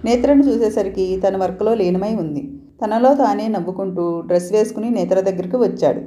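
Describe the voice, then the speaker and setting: A woman storyteller calmly reading a romance story aloud. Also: mid-range voice, fairly quick, roomy sound.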